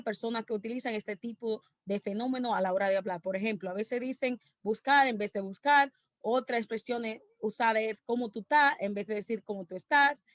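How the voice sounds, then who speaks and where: A woman's voice: a little high, dry recording. A woman with a Dominican accent presenting an academic conference talk over a video call, explaining her points through lists of examples. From Dominican Republic.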